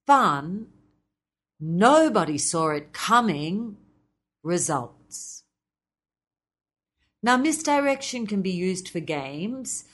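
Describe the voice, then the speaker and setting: A woman teaching presenting skills to MCs, speaking in a measured, explanatory way with playful asides. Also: on the low side. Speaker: MC trainer. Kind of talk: instructional talk.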